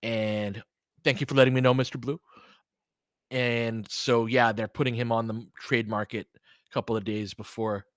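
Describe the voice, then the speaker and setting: An American man streams casual basketball play-by-play and analysis, chatting with viewers and reacting to their comments. His medium-pitched voice stays fairly level at a normal speed, and the recording is dry and clean, studio quality.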